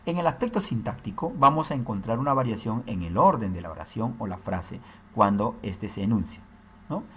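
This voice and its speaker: A man's voice: on the low side, expressive, a little fast, fairly bright tone, husky. A man teaching a recorded language lesson, explaining step by step and often tagging his sentences with questions. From Peru. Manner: explanatory, frequent tag questions.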